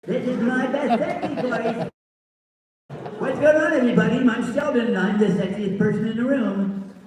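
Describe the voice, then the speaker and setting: A squeaky nerdy guy. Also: moderate pace, a little mellow, some chatter behind, slight background noise. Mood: goofy boastful. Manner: squeaky, goofy, overblown. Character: nerdy high-voiced man boasting he is sexy. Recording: echoey hall, voice from far off.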